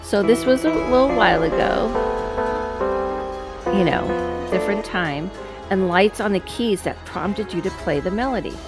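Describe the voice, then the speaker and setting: Loud music plays behind a woman in her thirties who is hosting and reading a guest's paranormal story close to a headset and studio mic in a dim room. Her mid-range voice is expressive, and her reading is slow and measured, broken up by casual asides.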